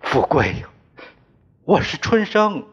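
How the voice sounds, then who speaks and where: A man's voice: a little high, expressive, slow, breathy edge, in a large hall, full character voice. A man voicing an emotional, choked-up middle-aged man meeting an old war comrade. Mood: surprised. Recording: dull lo-fi recording.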